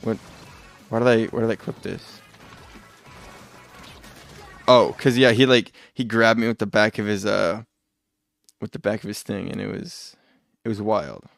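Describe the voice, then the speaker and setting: A man's voice: on the low side, fairly even intonation, unhurried, gravelly, long pauses, soft background music. A man streaming a video game live, chatting casually and rambling, often muttering asides and correcting himself. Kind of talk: casual live gameplay chat.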